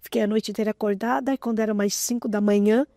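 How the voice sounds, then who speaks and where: A woman in her sixties, a guest in an interview, telling a personal story in an animated way, often close to tears. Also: medium pitch, quick pace, no room sound. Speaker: interview guest, association president.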